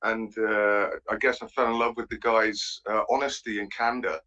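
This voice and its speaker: A man from the Netherlands calling in, speaking haltingly, with many pauses and restarts. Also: on the low side, little pitch movement, sharp tone. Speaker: caller. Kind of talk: casual call-in chat. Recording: dull lo-fi call audio.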